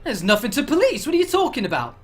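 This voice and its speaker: A man voicing a lazy, dismissive male desk cop who blusters and shouts. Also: extremely high pitch, huge pitch swings, fast talker, faint music behind, pitched above the performer's own voice, heavily acted. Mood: indignant.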